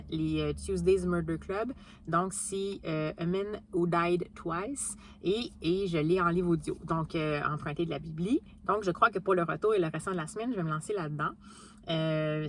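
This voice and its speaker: Woman, Québécois accent, casual book vlog, lots of fillers, slightly low voice. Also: slight background noise. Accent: Québécois French. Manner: chatty, many fillers and restarts. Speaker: book vlogger.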